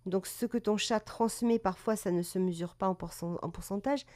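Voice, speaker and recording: A woman's voice: mid-range voice, normal speed, mellow. Chatty woman hosting a live stream. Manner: chatty, many fillers and self-corrections, greets viewers. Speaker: live streamer presenting cat breed history. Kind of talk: casual live-stream talk.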